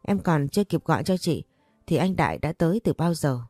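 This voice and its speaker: A woman's voice: deep voice, lively intonation, a little fast, a little mellow, dry recording, soft background music. A woman reading the lines of a tearful, apologetic young female friend in a storybook tale. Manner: pleading, caring.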